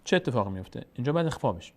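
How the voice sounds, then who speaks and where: A man with a Tajik accent teaching Quran recitation rules, patiently explaining and slowly repeating words to show their pronunciation. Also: mid-range voice, very animated. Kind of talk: explanatory lesson.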